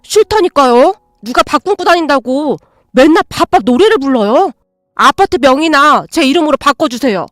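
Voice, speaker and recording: Woman playing a combative grown son, whiny, demanding, high-pitched, dry close sound. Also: lively intonation, normal speed, dry recording. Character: pushy young adult son demanding property.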